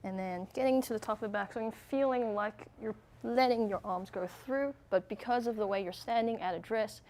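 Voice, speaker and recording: A woman's voice: on the high side, brisk, darkish tone. A woman working as a golf instructor, giving brief, agreeable replies and a drill tip on a live analysis show.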